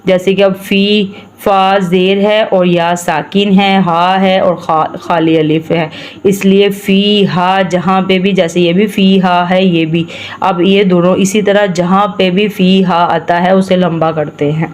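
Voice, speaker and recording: A woman from Pakistan teaching Quran recitation, patiently chanting each word slowly and then explaining quickly. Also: fairly low pitch, steady tone. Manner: slow drawn-out recitation alternating with quick explanation. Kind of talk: tajweed recitation lesson.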